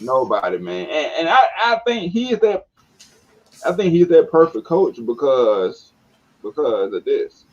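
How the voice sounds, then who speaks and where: An excitable man with a Southern American accent talks sports in loose, slangy banter. His voice swings up and down, full of energy. The audio is a little dull and lo-fi. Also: fairly high pitch, unhurried. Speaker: sports talk show host. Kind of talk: casual sports chat.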